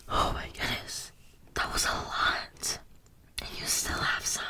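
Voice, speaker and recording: A young woman in a breathy, soothing whispered role-play, very close to the microphone, repeating phrases with tingly ASMR mouth sounds. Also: slow. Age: young adult. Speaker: ASMR creator. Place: small room indoors. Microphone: close desktop condenser microphone.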